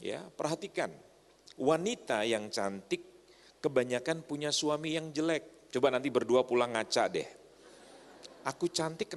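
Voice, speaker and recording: Male preacher, comic sermon style, engages the congregation, recorded in a church hall with a long echo tail. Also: mid-range voice. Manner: joking, often asks the crowd to agree.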